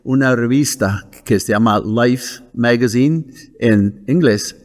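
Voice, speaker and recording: Speaking with a Wisconsin American accent, the older missionary guest recounts his testimony in measured fashion, frequently stopping on fillers. His pitch is medium, and the sound carries a big-room quality.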